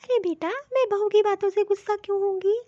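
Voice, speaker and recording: A simple, warm-hearted old mother-in-law from the village, voiced by a woman for a cartoon, talking in a homely, affectionate way. The voice sits very high. It is a dull, dry lo-fi recording. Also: a little fast, dry recording. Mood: gentle. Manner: homely, affectionate, rustic talk. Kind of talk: cartoon voice acting.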